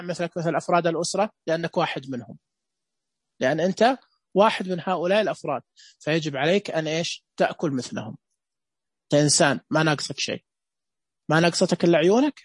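A man giving a lecture, animated and often asking his audience rhetorical questions. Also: fairly high pitch, breathy edge, dry recording.

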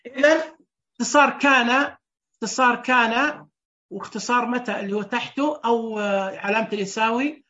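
A woman's voice: medium pitch, fairly bright tone, muffled recording. A woman teaching Braille in an online class. She explains step by step, counts the dots aloud and keeps checking that her students are following. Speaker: Braille instructor.

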